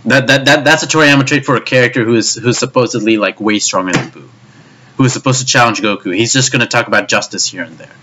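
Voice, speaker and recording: A man's voice: medium pitch, quick pace, background noise. A man giving an anime review as a frustrated, profane rant, stammering and repeating himself as he goes. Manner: frustrated, stammering, swears often.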